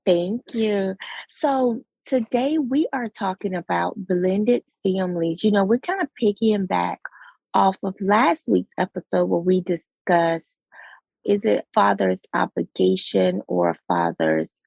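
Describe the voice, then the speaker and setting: Woman podcast host, raspy and unhurried, gravelly, close dry mic. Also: mid-range voice, animated, a little mellow, no echo, low-quality recording. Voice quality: raspy late-night voice. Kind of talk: casual podcast chat.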